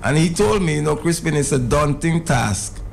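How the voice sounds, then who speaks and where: A man's voice: on the high side, expressive, normal speed, gravelly, a little hiss or hum, rough recording. A middle-aged man, talking earnestly as a radio show guest and often restarting his phrases. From Dominica. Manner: earnest, repeats words when restarting, rising emphasis. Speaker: radio talk show guest, former UN ambassador. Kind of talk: casual radio interview. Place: radio studio.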